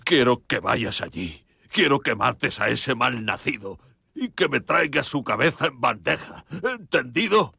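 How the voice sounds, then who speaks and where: An actor in a dubbed film playing a wounded, vengeful frontier father who barks harsh orders at his sons, with a husky, gravelly voice. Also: medium pitch, expressive, a little slow, pushed and bright, no echo, studio quality, full character voice.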